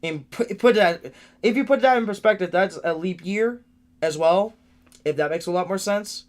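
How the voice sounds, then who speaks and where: High-pitched and speaking at normal speed, this nineteen-year-old rambles through a livestream update from his family home's room. He's frustrated and venting, frequently restarting and repeating himself.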